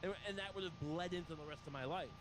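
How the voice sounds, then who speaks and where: Man, high voice, rapid speech, casual comedic chat, rambling, self-deprecating, noisy ambience.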